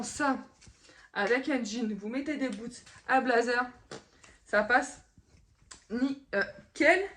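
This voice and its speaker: A woman chatting casually in a haul vlog, self-mocking, with many fillers. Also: on the high side. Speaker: fashion haul vlogger.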